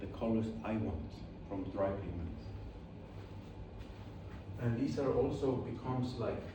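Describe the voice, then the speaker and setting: Slow but animated, this man in his forties has a fairly low voice. He's a painter from Iceland chatting in his studio about his materials, wandering off on tangents and correcting himself often. Echo fills the room, the microphone is far away, and background noise comes through clearly.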